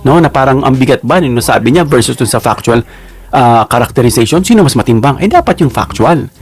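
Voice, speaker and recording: A man's voice: mid-range voice, expressive, slightly rough, faint music behind. A man giving casual political commentary as a vlogger, chatty and emphatic, often checking in with his viewers. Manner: chatty, repeats "no?" and addresses viewers; slow and emphatic on key words.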